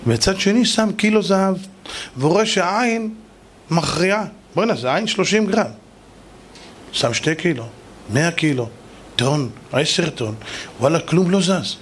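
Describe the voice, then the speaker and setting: Animated, husky-voiced male preacher. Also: on the high side, pauses often. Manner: animated, slangy, talks to the audience. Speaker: rabbi, preacher. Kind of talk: lively sermon storytelling.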